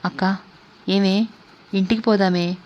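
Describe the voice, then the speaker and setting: A woman's voice: medium pitch, steady tone, slow pace, muffled recording, natural voice. A woman doing a frightened, pleading young woman.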